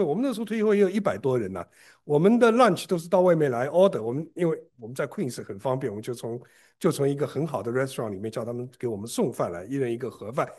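A man preaching a sermon to his congregation, telling personal stories in an animated way with frequent restarts. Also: a little high, breathy edge. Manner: animated storytelling, frequent restarts and self-repair.

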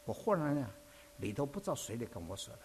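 A man delivers a sermon. He recounts his own experiences as an expressive, conversational storyteller, and his mid-range voice leaps up and down with lively intonation. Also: mid-range voice, quick pace, a little hiss or hum. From Dinghai, Zhejiang, China. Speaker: preacher. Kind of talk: sermon with personal testimony.

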